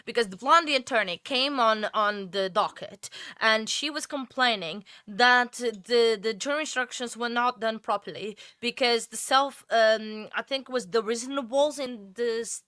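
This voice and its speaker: A woman with a Portuguese accent and a slightly high, bright voice speaks at a moderate pace with a forceful tone, in a dry, echo-free studio-quality recording. She hosts a true crime livestream, rambling chattily with viewers, full of fillers and restarts, and greets chat members by name.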